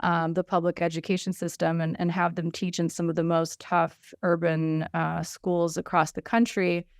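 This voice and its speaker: A woman's voice: on the low side, level tone, normal speed, dry recording, studio quality. Woman in her thirties on a video call. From United States and Russia. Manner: conversational, frequent fillers and restarts. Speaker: panelist. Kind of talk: webinar self-introduction.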